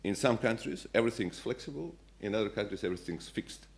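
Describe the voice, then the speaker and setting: A man with a notably low voice talks on a conference panel as a policymaker. He pauses often and restarts his sentences, searching for words. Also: expressive, creaky. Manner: hesitant, many fillers and restarts. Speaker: central bank policymaker.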